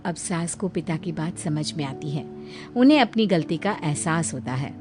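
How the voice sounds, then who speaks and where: A woman narrating an audio story in a lively, expressive way. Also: deep voice, normal speed, music in the background.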